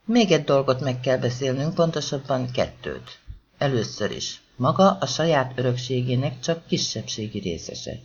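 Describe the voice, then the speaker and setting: A man reading an audiobook voices a cold, menacing male gangster who speaks slowly and mockingly. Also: medium pitch, very animated, creaky, slight background noise. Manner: slow, threatening, mocking. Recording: dull lo-fi audiobook recording.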